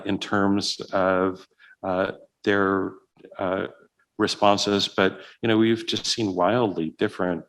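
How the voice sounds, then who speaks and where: Man, very deep voice, keynote lecturer, halting delivery, lots of fillers. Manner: hesitant, many fillers and restarts. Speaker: keynote speaker. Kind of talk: conference lecture and Q&A answer. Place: conference hall.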